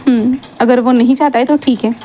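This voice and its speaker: A woman's voice: fairly high pitch, fairly even intonation, a little fast, dark tone, a little hiss or hum, close to an everyday voice. A woman voicing a haughty, scheming older woman who speaks with cold scorn, read out within a fan-fiction story. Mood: cool.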